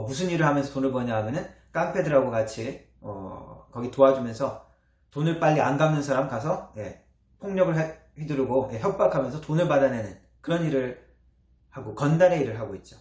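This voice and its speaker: Korean church pastor guy preaching, mid-pitch voice, roomy echo, phrases rise then trail off soft. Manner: earnest preaching with rising emphasis and soft trailing endings. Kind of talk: sermon. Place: church sanctuary. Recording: echoey church hall.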